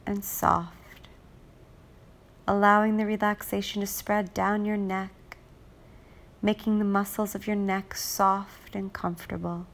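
Slow, soothing woman guiding relaxation. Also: medium pitch. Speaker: hypnotist. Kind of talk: guided relaxation script.

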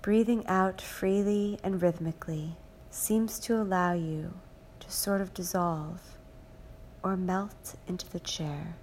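Calm woman doing a hypnosis relaxation script, super slow, soft whispery bits, lowish voice. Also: a little hiss or hum. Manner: slow, soothing, repetitive, drifts into soft whispers. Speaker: relaxation guide.

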